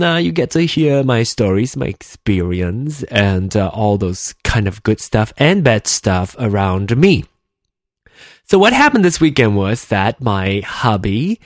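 A Malaysian-born podcast host in his thirties, speaking in a voice on the low side, rambles casually through his solo show with many fillers and self-corrections. Recorded with in-ear headphones and a desk mic, the sound is studio quality with no room sound.

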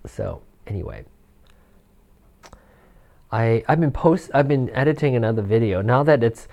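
A forty-something man hosts a solo podcast, rambling casually with fillers, restarts and lots of chuckles. His mid-range voice is gravelly and a little mellow, with lively intonation and a slightly slow pace. He's on a handheld or desk mic that picks up rustle.

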